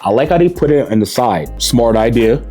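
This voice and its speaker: A man's voice: mid-range voice, expressive, normal speed, dark tone, soft background music. A man, chatting casually and boastfully as a cooking contestant tasting food. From New York. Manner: boastful, streetwise, easygoing.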